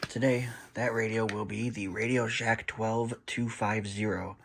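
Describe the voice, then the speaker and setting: Chatty and muttering as he fiddles with the equipment, a radio hobbyist unboxes and sets up a radio on his handheld phone camera. His low voice is level, a little slow, gravelly and fairly bright.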